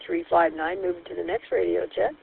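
A woman's voice: lowish voice, fairly even intonation, brisk, vocal fry, husky. A woman hosting a radio net, working through call signs in a cheerful, formal radio manner, heard over a two-way walkie-talkie. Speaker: radio net control host. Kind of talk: running on-air radio check-ins. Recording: tinny narrow radio channel with faint hiss.

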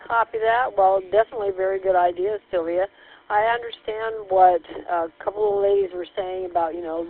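A woman's voice: lowish voice, creaky. A woman acting as net control over a walkie-talkie, calling stations by call sign and answering with radio procedure. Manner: procedural radio talk with call signs and "copy that". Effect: heard over a walkie-talkie radio. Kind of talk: radio net check-in chat. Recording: tinny two-way radio with faint hiss.

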